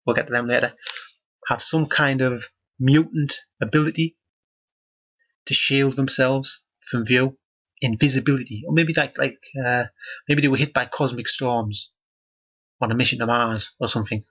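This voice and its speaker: A man's voice: mid-range voice, steady tone, moderate pace, pauses often, fairly bright tone, breathy edge, muffled recording. A man reading a children's book aloud, breaking off for sardonic, mock-outraged comic asides.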